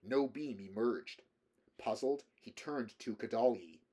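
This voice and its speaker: A man narrating a novel chapter aloud in a steady, even manner. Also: mid-range voice, unhurried, slightly rough. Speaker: audiobook reader. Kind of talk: novel reading.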